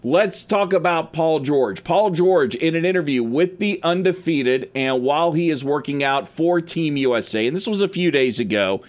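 A man talks through his solo sports podcast in a loose, rambling way, now and then tripping over a word and starting again. His voice sits a little on the high side for a man. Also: animated, moderate pace, few pauses. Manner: casual, rambling, admits stumbling over words. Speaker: podcast host.

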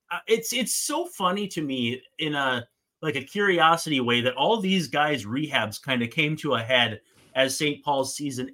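Bright-voiced man analysing sports. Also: mid-range voice. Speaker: baseball analyst and podcast co-host.

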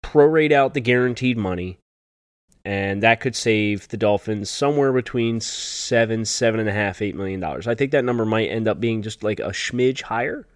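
A man with a lowish voice hosts a sports podcast. He works through listener questions with conversational analysis, in a dry recording free of room sound. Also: normal speed, clean tone, no echo. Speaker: podcast host.

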